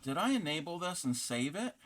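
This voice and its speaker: A man from North America hosting a casual crafting livestream, talking in a halting, distracted way as he reads out chat messages. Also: a little high, sing-song, fairly bright tone. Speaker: livestream host of a craft channel.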